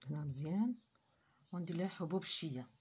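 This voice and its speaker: Low-voiced Moroccan woman showing a recipe. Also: lively intonation, quick pace, a little mellow, a little hiss or hum. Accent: Moroccan Arabic. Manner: talks viewers through each step while working, short phrases. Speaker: cooking channel host. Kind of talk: step-by-step cooking demonstration.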